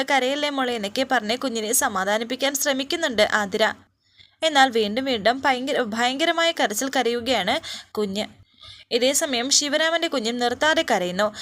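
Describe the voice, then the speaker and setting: A woman's voice: a little high, moderate pace, fairly bright tone. A woman casually retelling a serial story as a storyteller, with small restarts and fillers.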